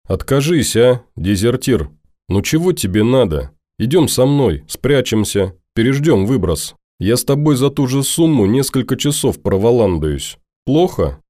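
A stubborn, hot-tempered young woman who keeps pleading and scolding, read by a man who lifts his low, mellow voice. She pushes hard and keeps pressing. It is a voice from a spoken storybook, close and dry. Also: sing-song, unhurried, dry recording.

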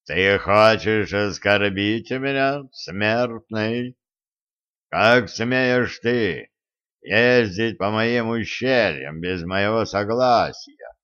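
A giant male stone monster rumbles out his threats in a booming, hollow voice, as a male audiobook reader puts him on. He drags each word out slowly and mockingly, low in pitch. The recording sounds dull and lo-fi. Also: fairly bright tone, smooth. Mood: menacing. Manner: slow, drawn-out threatening speech.

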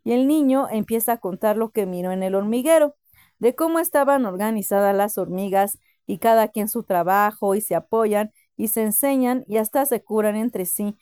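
A woman reading a story aloud on community radio in an even, plain storytelling manner. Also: medium pitch, smooth, no echo, studio quality. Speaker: radio reader.

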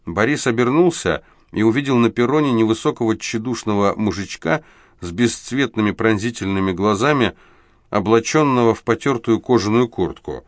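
Low-voiced male audiobook narrator. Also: expressive, moderate pace, no echo, studio quality. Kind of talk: scripted narration.

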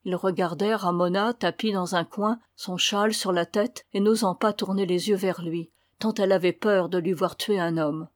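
A woman narrating a novel in a steady, even voice of middling pitch. The recording is dry and close-miked, with no room sound. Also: moderate pace, few pauses, no room sound. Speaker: audiobook reader. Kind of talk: scripted narration.

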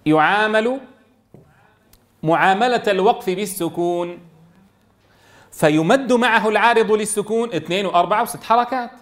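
A man teaching Quran recitation rules to a class, quizzing his students and modeling words in slow, drawn-out recitation. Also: high voice.

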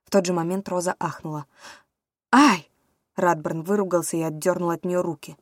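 A woman narrating a fantasy audiobook in a brisk, steady storytelling manner. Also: lowish voice, no echo, studio quality.

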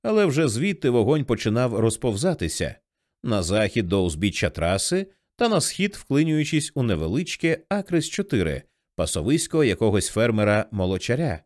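A man narrating a novel as an audiobook in a vivid, expressive storytelling manner. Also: mid-range voice, moderate pace, no room sound, studio quality.

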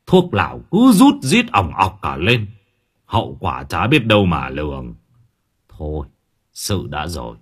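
A man voicing a gruff older village father who sighs heavily and grumbles through his grief. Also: deep voice, heavily acted. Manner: sighing, gruff, scolding.

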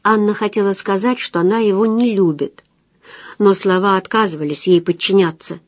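A woman narrating a romantic story in a calm, measured storytelling manner. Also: medium pitch, dry recording, studio quality. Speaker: audiobook narrator. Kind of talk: scripted narration.

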